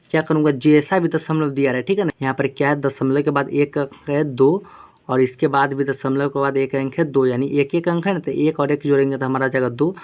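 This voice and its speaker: A man's voice: medium pitch, a little mellow. A young man teaching a math lesson, explaining step by step and checking in with his students as he goes. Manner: explains step by step, often asks "ठीक है ना".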